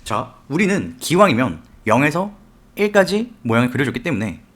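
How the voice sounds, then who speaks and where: A man teaching a software tutorial step by step, often asking the viewer questions as he works. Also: medium pitch, sing-song, normal speed. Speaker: software instructor. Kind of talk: screen-recorded tutorial.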